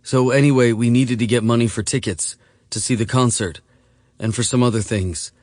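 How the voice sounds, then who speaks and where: A man reading an audiobook voices a frightened, skinny nineteen-year-old runaway boy who speaks in halting, broken phrases and cries. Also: medium pitch, steady tone, darkish tone, no room sound, clean studio sound, close to an everyday voice. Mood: nervous. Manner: halting, fragmented speech, crying.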